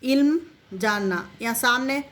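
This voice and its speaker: Woman teaching Quranic grammar, slightly high voice. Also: a little slow, fairly bright tone. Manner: repeats and drills grammar points, asks rhetorical questions. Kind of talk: explanatory lesson.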